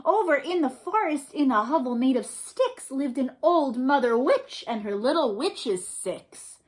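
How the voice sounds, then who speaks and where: A woman with a high voice and lively intonation keeps a measured pace while hosting children's storytime. As the librarian reads aloud, she encourages the kids in a sing-song way, asking questions and praising them.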